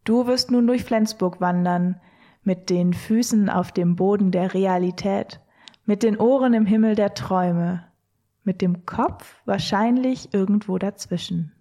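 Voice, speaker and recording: A woman narrates an audio walk in a soft, mellow voice. She takes her time, letting each poetic line settle. The delivery is scripted and dreamy. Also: medium pitch, measured pace.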